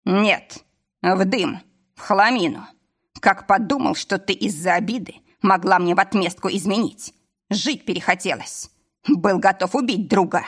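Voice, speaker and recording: A woman reading an audiobook, voicing a drunk, jealous but loving husband who talks bluntly and roughly. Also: mid-range voice, a little slow. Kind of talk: audiobook character voice.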